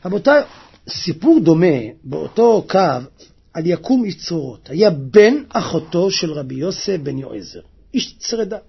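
Preaching a sermon, this man tells a story with drama, voicing the quoted lines with climbing pitch and cries. His delivery is sing-song, creaky and a bit breathy, heard through dull audio.

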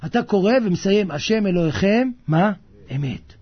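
A man giving a religious sermon, animated and full of comic storytelling, acting out the people in his stories as he preaches. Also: high-pitched, noisy background. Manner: animated, acts out quoted characters, shifts between loud and hushed. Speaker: rabbi. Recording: muffled lo-fi recording.

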